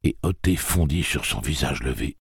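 A man reading a story aloud as narrator, in a dramatic, animated way. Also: extremely low pitch, normal speed, creaky, breathy edge, dry recording, clean studio sound. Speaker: audiobook narrator. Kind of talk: scripted narration.

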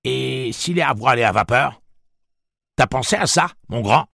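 A man's voice: fairly low pitch, very animated, a little slow, vocal fry, slightly rough, no echo, clean studio sound, pitched above the performer's own voice, exaggerated voice. A man voicing a cynical, crude woman with a put-on Southern drawl in an audiobook. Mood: mocking. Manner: mocking, defiant.

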